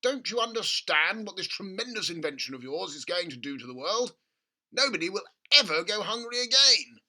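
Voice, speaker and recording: A man voicing an overbearing, excitable middle-aged father with grand schemes in a storybook reading, exclaiming loudly. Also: sits high, normal speed, pitched above the performer's own voice, full character voice. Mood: exultant.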